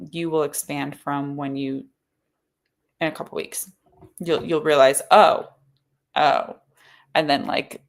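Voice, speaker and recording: Woman, casual host chat, slightly low pitch, heavy vocal fry, informal halting phrasing. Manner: informal, halting, acts out quoted encouragement. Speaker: trance channeler, host. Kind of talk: casual chat, reading out requests.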